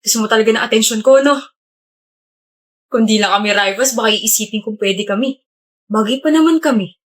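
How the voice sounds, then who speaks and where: A woman's voice: a little high, fairly quick, natural voice. A woman doing a cocky, teasing teenage boy. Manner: teasing, self-satisfied. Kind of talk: comedic POV skit.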